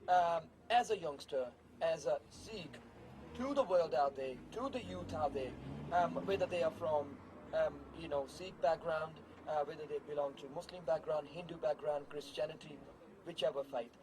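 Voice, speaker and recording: A man's voice: on the high side, moderate pace. Emphatic male interviewer on a noisy street. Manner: emphatic, repetitive, speaks in reverent honorifics. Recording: noisy outdoor recording with traffic.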